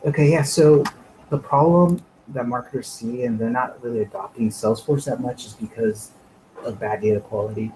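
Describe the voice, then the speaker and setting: A man walks through slides on a video call in a relaxed, conversational way, often pausing on fillers. His voice sits in an ordinary middle range. A faint background noise runs under the call. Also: medium pitch, poor audio. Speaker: guest presenter. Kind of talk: online meetup presentation. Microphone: home computer microphone on a video call.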